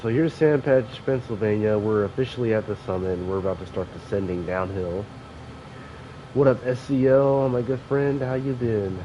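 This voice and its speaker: Here a young man, sniffling from allergies, chats his way through a train sim game, rambling casually and constantly using fillers and correcting himself. The voice is lowish and dark, fairly even in intonation, at a normal speed. It's captured on a dull lo-fi mic with noticeable background noise.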